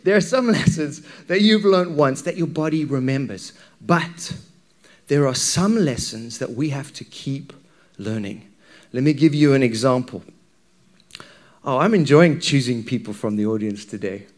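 Speaking with a Zimbabwean accent, a preacher addresses his congregation conversationally, posing questions and sharing stories. His medium-pitched voice has lively intonation and a measured pace.

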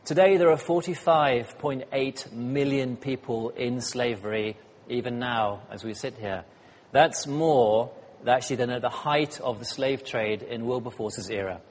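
A guest speaker with a husky, slightly hoarse mid-range voice delivers an unhurried sermon with light humor in a church hall. He's chatty and self-deprecating, dropping plenty of ums and uhs, and the hall's reverb colors the recording.

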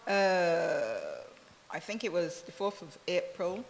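A woman from Barbados, a church member, giving a soft, unhurried testimony in an interview. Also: on the low side, vocal fry, long reverb tail, background noise. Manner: soft-spoken, unhurried, many "really"s.

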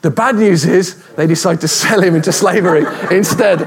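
A man giving a sermon, lively and humorous, with a fairly high pitch for a man. He talks conversationally and builds stories with a light touch. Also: moderate pace. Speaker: preacher. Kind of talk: sermon with storytelling.

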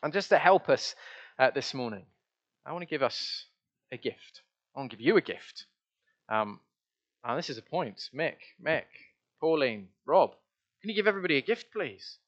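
Male pastor, earnest and conversational, slightly raised pitch, dull lo-fi sound. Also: very animated, moderate pace, pauses often. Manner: earnest, conversational, with many restarts. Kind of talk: sermon. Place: church.

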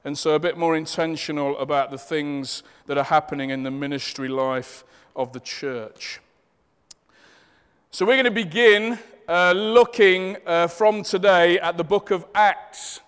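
A man with a Leicester accent preaching a church sermon in deliberate, emphatic phrases. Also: fairly high pitch, a bit bright, clear, resonant tone. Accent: Leicester, English East Midlands. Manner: deliberate, emphatic phrasing, seeking amens from listeners. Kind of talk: church sermon with scripture reading and prayer. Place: large echoing room, church service. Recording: reverberant hall sound.

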